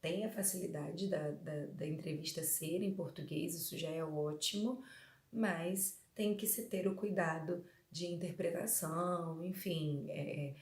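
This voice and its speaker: A woman from Brazil telling her viewers a personal story in a chatty vlog, with frequent fillers and rephrasings. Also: fairly low pitch. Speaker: vlogger. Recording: echoey room.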